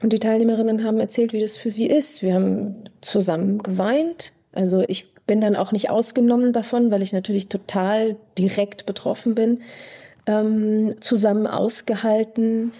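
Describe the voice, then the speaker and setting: A woman psychotherapist, born in Iran, answering interview questions in a thoughtful, deliberate way, pausing to search for words. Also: mid-range voice, level tone, dark tone. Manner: thoughtful, deliberate, with pauses and fillers.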